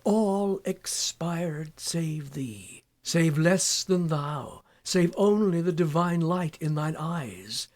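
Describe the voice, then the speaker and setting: Reading poetry dramatically, this man has a rather high voice. His pace is very slow, his phrasing impassioned, and he pauses a lot, often falling to a near whisper.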